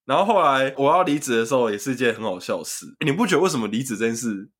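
A young man with a Taiwanese Mandarin accent tells his job stories at a brisk clip. He swears casually and slips into the voices of the people in his anecdotes. His voice sits at an ordinary male pitch. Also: slightly rough. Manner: animated storyteller, swears freely, acts out customers. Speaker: podcast co-host. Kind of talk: casual chat.

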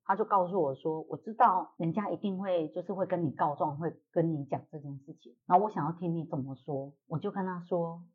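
A woman with a Taiwanese Mandarin accent, hosting a casual chat show and telling a family story in a lively way, voicing the relatives she quotes. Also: on the low side, fairly quick, few pauses, slightly rough. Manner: animated retelling, acting out relatives' quoted lines. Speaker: podcast host. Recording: tinny phone-like audio.

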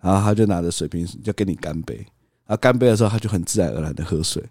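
A man's voice: low voice, rapid-fire, darkish tone, no room sound, clean studio sound. A man co-hosting a casual podcast, a father telling stories about his toddler and acting out the child's replies. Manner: storytelling, acts out toddler's cries. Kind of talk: casual chat.

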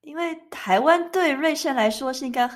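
A woman hosts a podcast interview in an expressive way, reacting with exclamations. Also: high voice, a little fast. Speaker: podcast host.

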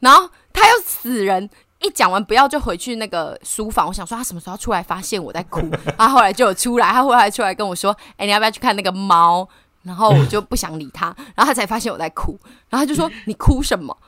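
A woman's voice: medium pitch, animated, fast, bright, forceful tone, no room sound. A woman co-hosting a casual podcast chat over an online call, telling a story animatedly and laughing often. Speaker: podcast co-host. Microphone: remote online call.

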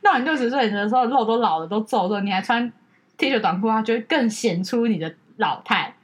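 A woman's voice: a little high, a little fast, husky. A woman with a Taiwanese Mandarin accent, co-hosting a podcast and telling a family story in casual chat, acting out her relatives' lines. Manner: animated, acts out family members' lines. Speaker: podcast co-host.

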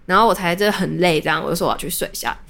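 Fast-talking woman podcast host. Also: fairly low pitch, creaky. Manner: animated, rambling, many restarts. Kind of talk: casual storytelling chat.

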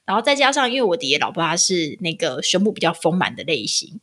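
Woman, 30s, podcast co-host, lively pitch, animated storytelling. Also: quick pace. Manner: animated storytelling, acting out quotes with laughter. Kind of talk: casual chat.

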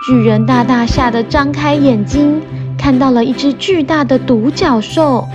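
A woman narrates a children's storybook in a lively, expressive manner. Her voice is fairly high. The recording sounds slightly muffled, with soft music beneath. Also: unhurried. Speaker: storyteller host.

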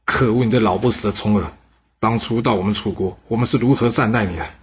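A man's voice: fairly low pitch, fast, slightly rough. A man doing a raging arrogant army commander. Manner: raging, threatening. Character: hot-headed arrogant male army commander.

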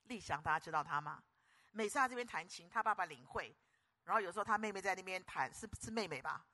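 An older woman preaching a sermon, moving between hushed storytelling and loud, rousing calls to the congregation. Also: on the low side, fast. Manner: animated, swings from hushed storytelling to loud exhortation.

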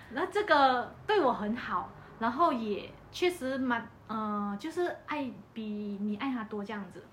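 A woman's voice: a little high, measured pace, hardly any pauses, slight background noise. A woman with a Malaysian Mandarin accent, chatting casually on a podcast and telling a personal story, acting out the dialogue with energy. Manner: animated storyteller who acts out quoted dialogue. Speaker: podcast speaker.

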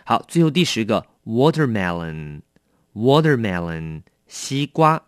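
A man teaching English vocabulary in a lively, coaxing way, asking his learners questions. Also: fairly low pitch, slow pace, dry recording, studio quality. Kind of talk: bilingual vocabulary lesson.

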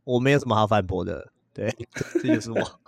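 A man's voice: lowish voice, animated, vocal fry. A man, co-hosting a podcast in casual chat and telling self-deprecating stories. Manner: fast, joking, self-deprecating storytelling. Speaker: podcast co-host.

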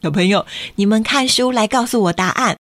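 A woman's voice: medium pitch, brisk, fairly bright tone, dry recording, clean studio sound. A woman storyteller reading a picture book to young children, guiding them with frequent questions. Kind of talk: interactive picture-book read-aloud for children.

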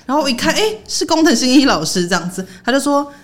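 Fast-talking Taiwanese woman storyteller. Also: sits high. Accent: Taiwanese Mandarin. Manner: animated, acts out quoted voices, laughs often. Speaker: podcast co-host. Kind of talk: casual storytelling chat.

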